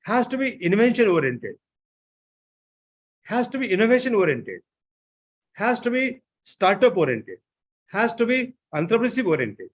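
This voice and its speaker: A man giving an online seminar lecture, often filling pauses with "I think, you know". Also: high voice, sing-song. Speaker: seminar speaker.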